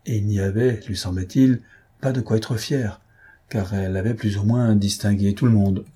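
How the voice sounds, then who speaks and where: A man reading a novel aloud as a narrator, in a measured, even storytelling manner. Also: on the low side, husky. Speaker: audiobook reader.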